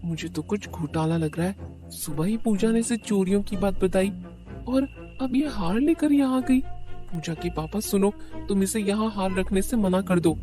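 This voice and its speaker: A woman voicing a modest, patient mother who speaks calmly and gently. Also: medium pitch, normal speed, soft background music, voice pushed down, close to an everyday voice. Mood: suspicious.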